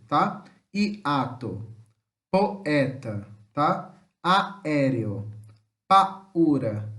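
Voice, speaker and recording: A Brazilian-accented man teaching a homeschool lesson, with a voice pitched a little high for a man. He chats along, tacks questions onto his sentences and sounds out example words slowly. The room around him is echoey. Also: a bit bright. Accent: Brazilian Portuguese. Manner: chatty, many tag questions, slow deliberate word examples.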